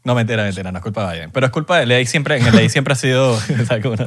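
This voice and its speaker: A young Venezuelan man co-hosting a podcast in casual, joking chat, loud and animated, sometimes breaking into shouts. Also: mid-range voice, quick pace. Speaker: podcast co-host.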